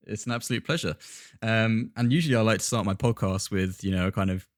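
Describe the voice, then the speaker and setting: A man's voice: fairly low pitch, fast, no room sound, clean studio sound. A man hosting a podcast, welcoming his guest and asking long, rambling questions hedged with "kind of" and "sort of". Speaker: podcast host. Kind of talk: podcast interview.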